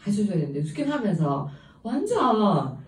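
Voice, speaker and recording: Chatty Gyeongsang woman lecturing, animated. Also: mid-range voice, moderate pace. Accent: Gyeongsang Korean. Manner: lively, chatty, laughs often while telling stories. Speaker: seminar speaker. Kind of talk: informal lecture talk. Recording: echoey room, voice from a distance.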